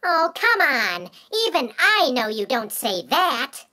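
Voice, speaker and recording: A man putting on a squeaky childlike voice to make mocking wisecracks. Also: very animated, slow pace, very noisy, heavily acted. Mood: cheeky.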